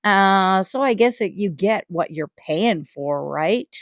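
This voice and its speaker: A woman's voice: medium pitch, animated, takes it slowly, no room sound. A woman hosting a channel, giving critical commentary in a blunt, indignant way. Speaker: channel host.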